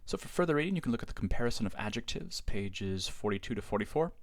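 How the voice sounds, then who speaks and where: Man, deep voice, animated intonation, patient lecture, close dry mic. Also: no room sound. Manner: measured, explanatory, reads Greek forms slowly. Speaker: Greek teacher. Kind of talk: recorded grammar lecture.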